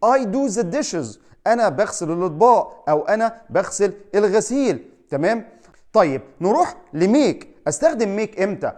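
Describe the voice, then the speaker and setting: A man's voice: high voice, darkish tone. A man teaching English in Egyptian Arabic, chatty and upbeat, often checking in with his listeners. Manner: upbeat, chatty teacher who repeats "tamam?". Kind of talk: friendly explainer lesson. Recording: echoey room.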